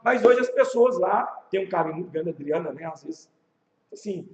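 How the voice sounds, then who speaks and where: A man with a Brazilian Portuguese accent, a pastor teaching a leadership class in a casual, animated storytelling way, asking his class rhetorical questions. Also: high voice, a little fast, slight background noise. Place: church classroom. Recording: echoey room, muffled sound.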